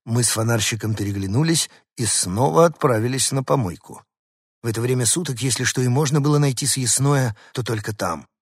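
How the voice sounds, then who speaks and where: A man narrating a children's story in the first person with expressive storytelling. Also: mid-range voice, a little fast, breathy edge, dry recording, studio quality. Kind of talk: scripted narration.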